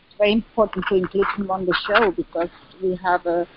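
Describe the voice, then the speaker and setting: Halting Chilean woman, translating in her head. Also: mid-range voice, fairly even intonation, background noise. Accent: Chilean Spanish. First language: Spanish. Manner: translating in head, halting and searching for English words. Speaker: curator and cultural center representative. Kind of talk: interview answer about exhibitions. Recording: dull lo-fi sound.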